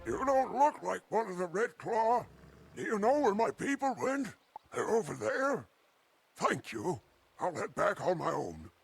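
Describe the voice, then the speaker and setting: A man's voice: sits high, sing-song, measured pace, vocal fry, husky, exaggerated voice. An actor playing a frightened male villager lost in the wild in a video game, speaking anxiously. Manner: anxious, pleading. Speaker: game character.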